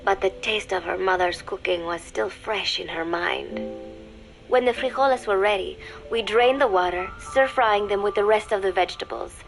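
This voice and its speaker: A woman voicing a young female spy who poses as a sweet teenage student, narrating a diary in a cool, measured, quietly sardonic way. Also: mid-range voice, close to an everyday voice, poor audio.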